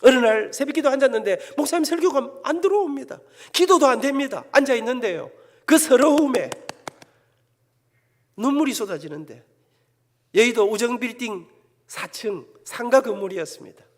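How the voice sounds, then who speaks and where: A man's voice: very high-pitched, lively intonation, moderate pace. A man, a church elder with a Gyeongsang Korean accent, preaching an emotional sermon and telling his own story dramatically. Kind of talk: sermon with personal testimony. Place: church sanctuary. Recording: long church hall reverb.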